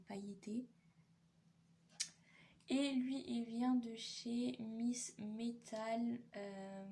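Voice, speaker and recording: A woman's voice: fairly high pitch, gravelly, a little mellow, slight background noise. Tired young woman, hesitant chat. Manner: chatty, hesitant, many fillers. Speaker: beauty vlogger. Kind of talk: casual makeup vlog.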